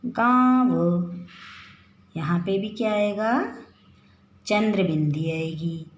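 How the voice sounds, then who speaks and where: Woman, primary teacher, children's lesson, drawn-out sing-song drilling, faint background noise. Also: medium pitch, a little mellow, muffled recording. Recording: very echoey room with faint noise.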